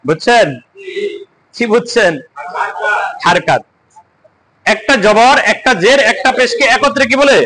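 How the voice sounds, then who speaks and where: A man's voice: extremely high pitch, animated, measured pace, pauses often, a crowd in the background, poor audio. A man teaching Quran letters and vowel marks, drilling students with repeated questions and chanted answers. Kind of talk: call-and-response lesson.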